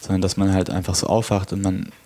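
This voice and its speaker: A man talking casually in a discussion, halting and rephrasing as he goes. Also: sits low, level tone, dark tone.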